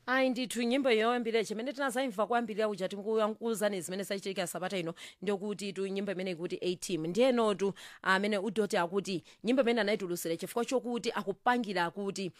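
A woman hosts a music interview, moving quickly between her questions and relaying the answers. Her pitch sits in an ordinary middle range. She talks very fast in a dry, close recording. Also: no room sound. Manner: rapid, animated questioning. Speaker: interview host. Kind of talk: hosting a music interview, translating for listeners.

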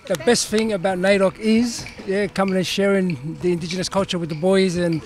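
Quick-talking proud man from Tonga. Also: sits high, steady tone, slight background noise. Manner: proud, heartfelt. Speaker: inmate. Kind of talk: interview.

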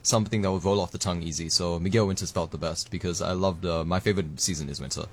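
Deep-voiced young man. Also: fast, slight background noise. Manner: relaxed, rambling, fillers like you know. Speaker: lead singer, guest. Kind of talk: casual radio interview answers. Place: radio studio.

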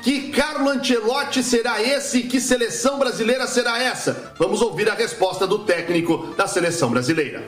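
A man delivering a scripted sports report, reading the team lineup in an even cadence. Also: high-pitched, fairly quick, few pauses, roomy sound, over music.

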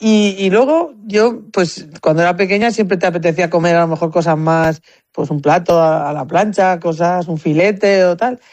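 Here a Spanish woman with a fairly low, slightly mellow voice talks at a moderate pace, with no room sound. She is a competitive shooter guesting on an interview, giving relaxed, story-driven answers and frequently repeating words while she thinks them through.

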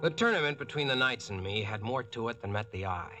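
A man's voice: medium pitch, animated, brisk, over music, close to an everyday voice, poor audio. An actor playing a brash, wisecracking American who narrates his own adventure in a slangy, cocky way, in 1940s radio drama style.

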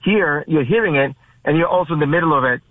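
Brief: man from the Dominican Republic, phone-in guest, halting and earnest, fairly high voice, tinny phone line, dry. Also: no room sound. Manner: halting, many restarts, earnest. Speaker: baseball umpire, phone guest. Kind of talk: radio phone interview.

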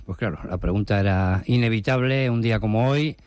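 A man's voice: on the low side, brisk, darkish tone, no echo. A man reporting sports news on the radio in a conversational way with fillers.

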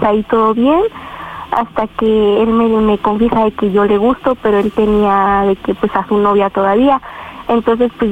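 A woman's voice: a little high, a little hiss or hum. Teen Mexican girl on a tinny phone line. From Estado de México. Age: teenager. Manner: hesitant, full of fillers. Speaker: caller. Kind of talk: telling her story to a radio host.

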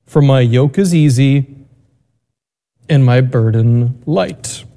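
Priest with cathedral echo. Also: male voice, mid-range voice, mellow. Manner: measured, deliberate reading, quicker casual asides in the homily. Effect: cathedral echo, long reverb of a large church. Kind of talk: Mass gospel reading and homily. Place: large church. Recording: long church reverb.

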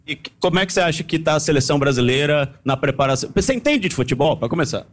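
A man with a Brazilian Portuguese accent, reporting live outside a stadium and asking fans quick, chatty questions. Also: a little high, animated. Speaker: field reporter. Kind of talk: live street interviews.

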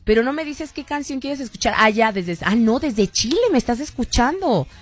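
A woman's voice: fairly high pitch, animated, moderate pace. A woman radio host with a Mexican accent, chatting casually with listeners and reading out their messages. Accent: Mexican Spanish.

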